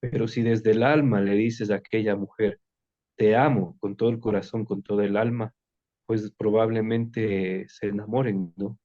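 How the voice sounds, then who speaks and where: A man's voice: lowish voice, flat delivery, normal speed, warm tone, lo-fi sound. A man in a reading group sharing his thoughts in a reflective, hesitant way. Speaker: reading club member. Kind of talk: casual book club discussion over a call.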